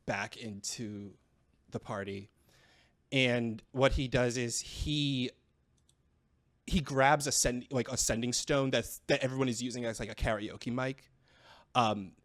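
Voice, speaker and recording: A man playing a tabletop game, describing his character's actions in a halting way with many fillers. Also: medium pitch, fairly even intonation, fairly bright tone. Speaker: player. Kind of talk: tabletop role-play narration.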